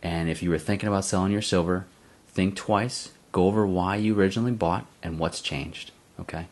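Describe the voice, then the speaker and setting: A man's voice: low-pitched, fairly even intonation, fairly quick. A man hosting his own channel, casually telling a story to viewers, often chuckling and calling them guys. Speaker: channel host.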